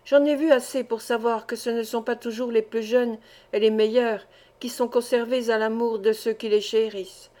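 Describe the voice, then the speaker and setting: A woman's voice: a little high, fairly even intonation, normal speed, mellow, lightly acted. A woman reading as a grave elderly aunt.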